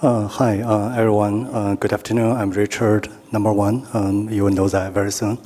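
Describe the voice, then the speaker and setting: Low monotone guy from china, laid back, says like and um a lot. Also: normal speed. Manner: relaxed, casual, many fillers. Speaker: panelist. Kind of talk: panel self-introduction.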